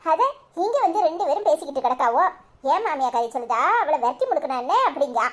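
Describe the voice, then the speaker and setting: A woman's voice: high-pitched, animated, fast. Woman voicing a grumbling put-upon wife. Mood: complaining. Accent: Tirunelveli Tamil. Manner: complaining, lamenting. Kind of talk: cartoon voice acting.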